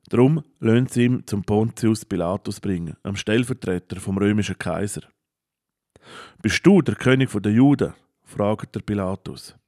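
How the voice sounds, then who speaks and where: A man narrating a children's Bible story in a calm, plain storytelling manner. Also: fairly low pitch, dry recording, clean studio sound.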